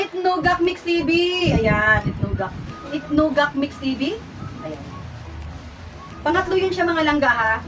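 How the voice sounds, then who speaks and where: A Filipino woman vlogger hosting a giveaway raffle, talking casually to her viewers with playful teasing and excited squeals. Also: high-pitched. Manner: chatty, excited squeals at each winner, playful self-teasing. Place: hot room indoors. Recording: mic at a distance, music playing loud.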